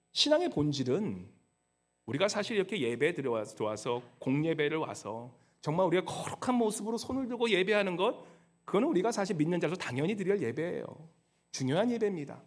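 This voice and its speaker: Animated high-voiced pastor preaching. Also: male voice, brisk. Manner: animated, swings between loud rebuke and hushed lows. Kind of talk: sermon. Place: church sanctuary.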